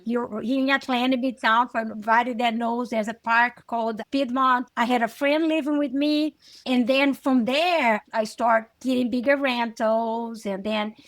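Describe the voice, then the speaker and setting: A woman in her forties from Brazil with a Brazilian Portuguese accent, telling her story as an interview guest over a video call from home, animated and talking with her hands. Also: fairly high pitch, normal speed, no echo. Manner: animated, gestures with her hands, simple phrasing. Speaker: guest, loan officer and investor. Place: home living room. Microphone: earbud on video call.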